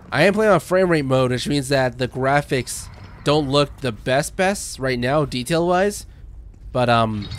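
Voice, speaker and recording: A man's voice: fairly high pitch, slight background noise. Joking man narrating a video game. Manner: jokey, reads in-game notes aloud. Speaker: gamer. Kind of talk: casual gaming commentary.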